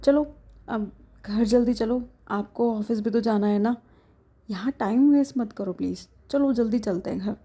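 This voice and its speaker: A woman's voice: on the high side, dark tone, slightly rough. A woman storyteller voicing a feisty young wife who insists she is fine. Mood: insistent. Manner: insistent, brisk.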